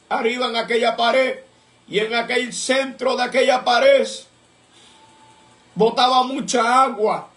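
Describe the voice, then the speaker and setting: High-voiced man giving fervent church testimony. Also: vocal fry, a bit bright, roomy sound. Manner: earnest storytelling with repeated "I remember that"; fervent, breaks into praise mid-story. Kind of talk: religious testimony.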